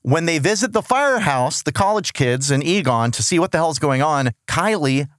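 A man's voice: fairly high pitch, lively intonation, moderate pace, fairly bright tone, dry recording, clean studio sound. A man co-hosting a casual comedic recap chat, rambling and jokey, often correcting himself. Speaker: podcast co-host reviewing a cartoon.

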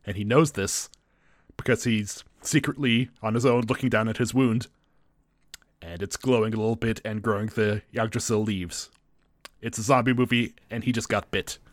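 A man's voice: lowish voice, fairly even intonation, moderate pace, no room sound, studio quality. A man co-hosting a casual chat, recapping a TV episode and paraphrasing the characters' lines with jokes and laughs. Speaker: podcast co-host.

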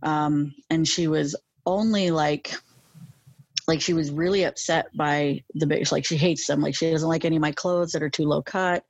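A woman's voice: sits low, vocal fry, dry recording, dull audio. A young woman with a lateral lisp, chatting casually in an interview, rambling with many fillers. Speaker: interview guest.

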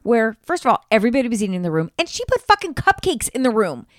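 A middle-aged woman co-hosting a casual chat, animated and quick to swear and mimic others. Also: fairly high pitch, no echo, clean studio sound. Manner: animated, swears freely, mimics people she discusses. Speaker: podcast co-host.

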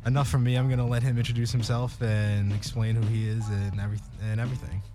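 A man's voice: medium pitch, flat delivery, quick pace, music in the background. A man hosting a podcast in a casual, informal and somewhat hesitant way. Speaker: podcast host. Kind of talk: casual chat.

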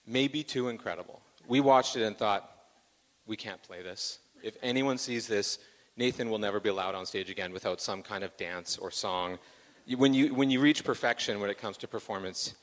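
A man's voice: lowish voice, fairly bright tone, in a large hall. A man hosting church announcements in a joking, self-deprecating way, with plenty of fillers. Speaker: church host doing announcements. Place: church sanctuary.

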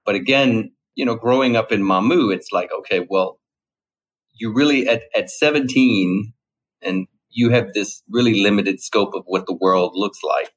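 A middle-aged Louisiana man, Cajun-accented and from the USA, talks at a moderate pace in a fairly low voice. As a guest in a casual interview he rambles and says things more than once, all on dull lo-fi sound.

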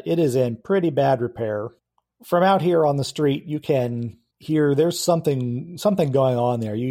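A man leads a tabletop game as game master. His voice is mellow and dark, and his narration is relaxed, with small pauses and fillers. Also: mid-range voice.

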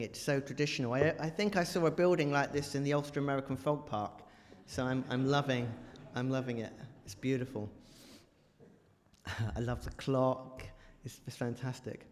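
Quizzing the congregation while he talks, a guest preacher from England keeps his sermon chatty and full of jokes. He has a mid-range, slightly mellow voice. The recording comes from the reverberant hall of a large church.

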